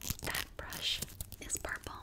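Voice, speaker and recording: A woman whispering as an ASMR host, repeating words and short phrases over and over. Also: measured pace.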